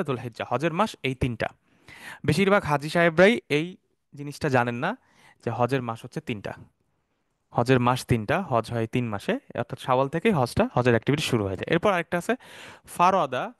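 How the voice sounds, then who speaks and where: A man's voice: on the high side, a bit bright, dry recording, clean studio sound. Man teaching Arabic words. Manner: explains Arabic words step by step, repeating and asking questions; mixes English words into Bengali explanation. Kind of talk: recorded online class.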